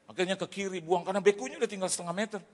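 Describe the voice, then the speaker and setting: A man preaching, a pastor telling a funny testimony in an Indonesian accent, acting out shouted dialogue and laughing as he goes. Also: high voice, very fast. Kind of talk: humorous sermon testimony. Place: large church hall. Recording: hall reverb from a church.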